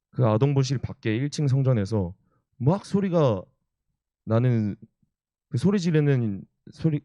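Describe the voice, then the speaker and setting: Young man preaching, mellow and dry. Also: on the low side, no echo, dull audio. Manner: earnest storytelling, acts out quotes. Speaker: evangelist preacher. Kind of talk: sermon with personal stories.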